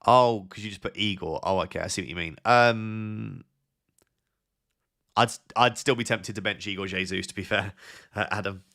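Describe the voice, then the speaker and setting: A young man with a low, gravelly voice chats casually on a live stream. He reads viewers' messages out loud and answers them on the spot, thinking aloud as he goes with plenty of fillers and restarts. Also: normal speed.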